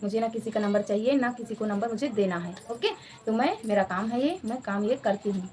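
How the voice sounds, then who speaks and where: A woman's voice: on the high side, a little fast, warm tone, slight background noise. A woman in her thirties chatting casually in a home vlog, repeating herself and laughing often. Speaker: vlogger.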